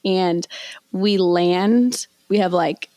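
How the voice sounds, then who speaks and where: Chatty woman podcast co-host, low voice. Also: drawn-out words, no room sound. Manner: chatty storyteller, animated with many fillers. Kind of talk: casual chat.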